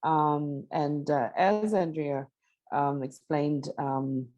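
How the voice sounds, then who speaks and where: Low-voiced woman moderating, hesitant. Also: steady tone, slow pace, dark tone. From Fiji. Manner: hesitant, full of "um" and "you know" fillers. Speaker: moderator and women's rights advocate. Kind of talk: panel moderation at an online advocacy session.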